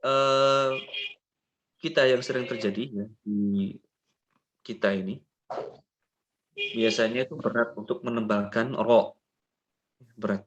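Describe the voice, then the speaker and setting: An Indonesian man teaching Quran recitation online, slowly repeating syllables to model how a sound is pronounced. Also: medium pitch, fairly even intonation, muffled recording, a little hiss or hum. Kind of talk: online tajweed lesson.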